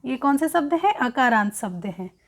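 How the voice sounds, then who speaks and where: A woman's voice: high voice, sing-song. A woman teaching a textbook lesson, explaining word by word, asking questions and then answering them herself. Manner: slow, repeats words, asks and answers own questions. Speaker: Sanskrit teacher.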